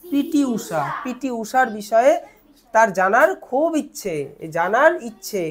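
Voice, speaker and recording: A woman's voice: on the high side, very animated. A young woman teacher with a Bengali accent explains a lesson step by step, asking questions and answering them herself. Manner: asks questions and answers them herself, repeats words slowly.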